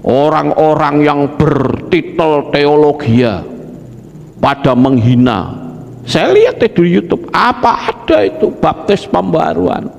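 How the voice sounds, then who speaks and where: A man's voice: on the high side, sing-song, takes it slowly, gravelly. A man preaching a sermon, dramatically acting out voices and keeping up a direct address to the congregation. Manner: dramatic, acts out pleading voices, keeps addressing listeners. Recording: echoey hall reverb.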